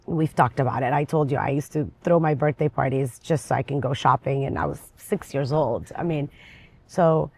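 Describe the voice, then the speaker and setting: A woman from Lebanon, an interview guest, talking in a lively, chatty and restless way. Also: rumbling low, moderate pace, husky, dry recording. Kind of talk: casual interview conversation.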